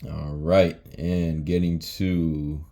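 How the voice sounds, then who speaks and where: A man's voice: rumbling low, flat delivery, drawn-out words, dark tone. A young man casually explaining his own rap lyrics, laid-back and full of fillers like um and you know.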